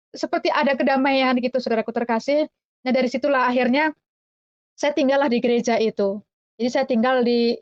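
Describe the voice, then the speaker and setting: Woman from Java, personal testimony, chatty, acts out quoted voices, high-pitched, dull lo-fi sound. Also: no echo. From Java, Indonesia. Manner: chatty, addresses listeners as dear brothers and sisters; acts out quoted voices, sings hymn lines slowly. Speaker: testimony speaker.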